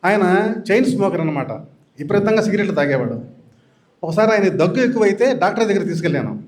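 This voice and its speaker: A man's voice: high-pitched, animated, fast talker. An older man from Andhra Pradesh telling humorous anecdotes to an audience at a public meeting, acting out the voices in his stories. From Andhra Pradesh, India. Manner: storytelling, acting out quoted voices. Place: meeting hall stage.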